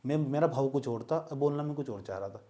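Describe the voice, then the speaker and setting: A man's voice: medium pitch, brisk, dark tone. A male teacher lecturing a class in a joking way, often stopping to check that students follow.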